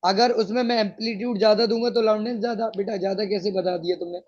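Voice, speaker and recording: High-voiced male teacher, lo-fi sound. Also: fairly even intonation, quick pace. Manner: patient, keeps checking if students follow. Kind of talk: explaining a class lesson. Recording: dull lo-fi sound.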